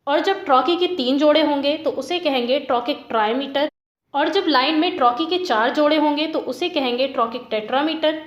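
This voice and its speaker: High-voiced woman teaching in an echoey room. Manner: patient step-by-step explaining. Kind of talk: Hindi lesson explaining poetic meter.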